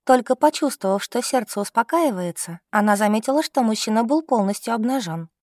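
A woman reads a romance story aloud with a gentle, steady delivery. Her voice sits a little high, recorded close and dry. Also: fairly quick, no echo. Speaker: audiobook narrator. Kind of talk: scripted romance narration.

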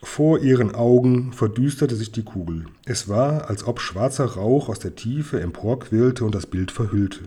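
A man calmly reading a children's book aloud, chapter by chapter. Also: medium pitch, measured pace, hardly any pauses, breathy edge. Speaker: reader.

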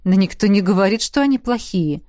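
A calm male dragon in human form from a fantasy audiobook, read by a woman. He speaks wryly and soothingly, with a dry, close sound. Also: mid-range voice, fairly quick, dry recording, close to an everyday voice. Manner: wry, conciliatory.

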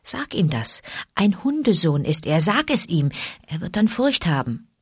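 A woman voicing a hushed, low male panther. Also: sing-song, unhurried, slightly rough, dry recording, clean studio sound, heavily acted. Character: calm, wise male panther, protective friend. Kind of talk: audiobook character voice.

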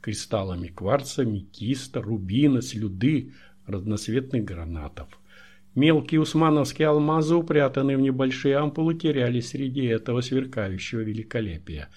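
Audiobook narrator: man, measured delivery, mid pitch. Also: lively intonation, a little mellow. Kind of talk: scripted narration.

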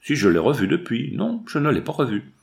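A man voicing a jovial old male mountain trapper with a gruff, folksy, cackling manner. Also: mid-range voice, very animated, a little fast. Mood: grim.

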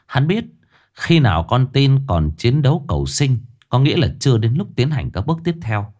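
A man narrating a dark thriller story in a measured, suspenseful way. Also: medium pitch, sing-song.

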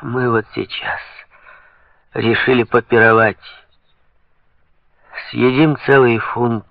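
A man's voice: mid-range voice, fairly even intonation, slow, no echo. A man reading as glum, hungry bank clerks. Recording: dull lo-fi sound.

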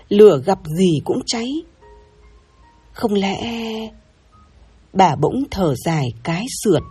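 A woman storyteller reads a scripted story in a measured, reflective way. Her voice is very breathy and husky, with a dark, mellow tone, and soft music plays faintly underneath. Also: mid-range voice.

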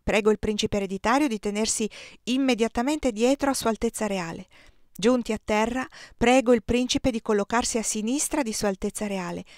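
A woman's voice: on the high side, no room sound, clean studio sound, close to an everyday voice. A woman reading the lines of a formal young male count who serves as a courtier in an audiobook. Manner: polite, brisk instructions.

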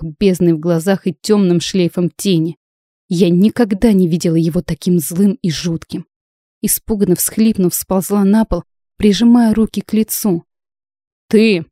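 A woman narrating a first-person fantasy audiobook in an expressive storytelling manner. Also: fairly low pitch, no room sound, clean studio sound.

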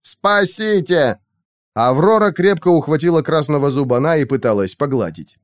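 A man reading a first-person fantasy audiobook in a lively, expressive way. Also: fairly high pitch, fairly quick. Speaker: audiobook narrator.

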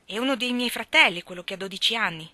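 A woman voicing a cheerful, talkative young housemaid who speaks in a lively, homely and blunt way in a storybook reading. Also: medium pitch, quick pace, no room sound, close to an everyday voice. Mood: chatty, lively.

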